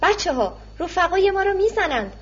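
A woman's voice: high-pitched, lively intonation, lo-fi sound, heavily acted. A woman voicing a tall, commanding young male worker in a storybook reading, barking orders. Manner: commanding shouts.

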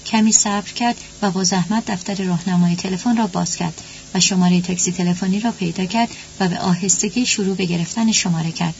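A woman narrating a story at a steady, even pace. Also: fairly low pitch, vocal fry. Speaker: audiobook narrator. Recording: dull lo-fi with faint hum.

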